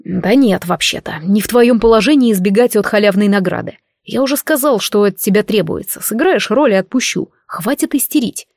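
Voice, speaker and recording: A woman voicing a male necromancer lord who speaks quietly, in a smooth, insinuating and sarcastic way. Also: medium pitch, lively intonation, brisk, hardly any pauses, dry recording, studio quality. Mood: quietly mocking.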